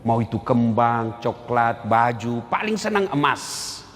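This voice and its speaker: A man giving a humorous sermon to a live audience, teasing his listeners, with shouted punchlines and low, earnest asides. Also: big pitch swings, takes it slowly. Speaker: preacher. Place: large hall with audience. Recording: echoey hall with ambient noise.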